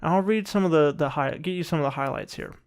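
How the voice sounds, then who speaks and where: A man giving casual political commentary in a rambling, halting and sometimes sarcastic way, often restarting his sentences. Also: a little high. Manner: rambling, halting delivery with repeated false starts. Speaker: political commentary video host.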